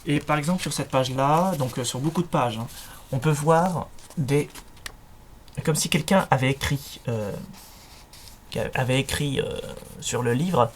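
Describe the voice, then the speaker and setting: A man's voice: medium pitch, a little slow. Chatty young man with fillers. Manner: chatty, hesitant, many fillers and restarts. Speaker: collector showing his items. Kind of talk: casual show-and-tell vlog. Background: faint noise and clicks.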